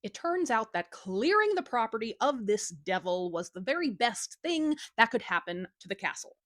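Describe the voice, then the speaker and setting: This storyteller and host retells a folktale in a casual, scripted way, her pitch swooping very lively and her delivery informal and cheeky. She speaks at a moderate pace. The recording is close and dry, with no room sound.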